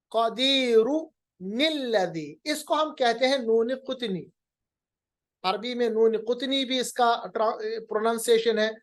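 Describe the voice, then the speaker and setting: A male teacher giving a recorded lesson on Quran recitation rules, patiently repeating each point and sounding out the examples. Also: very high-pitched.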